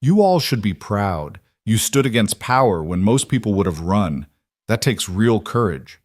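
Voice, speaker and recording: A man voicing a calm, firm federal marshal in a western tale. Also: lowish voice, unhurried, no room sound, clean studio sound. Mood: warm. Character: stern, fair-minded federal marshal, grown man.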